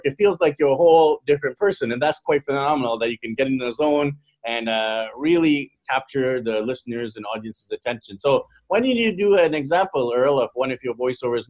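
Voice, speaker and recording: A podcast host with a medium-pitched, somewhat dark voice interviews a guest, enthusiastic and full of praise. The audio quality is poor.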